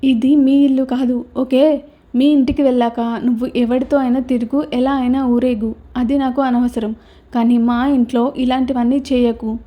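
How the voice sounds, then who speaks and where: A woman's voice: sits high, little pitch movement, normal speed, dull audio. A woman voicing an angry young man who scolds and threatens in a storybook reading. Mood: stern anger. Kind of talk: storybook character voice.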